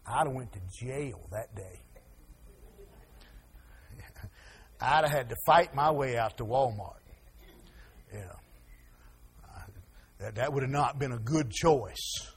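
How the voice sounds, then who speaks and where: A man preaching a sermon, folksy, repeating words as he restarts and swinging from soft asides to loud emphasis. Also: mid-range voice, slow pace, long pauses.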